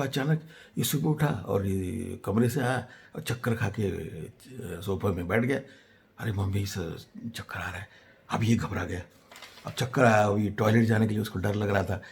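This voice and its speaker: Gravelly low-voiced man teaching a case. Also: darkish tone, slight background noise. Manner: retells the family's account in first person, then analyses it; mixes Hindi with English phrases, frequent fillers. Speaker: homeopathy teacher presenting a case. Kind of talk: case lecture.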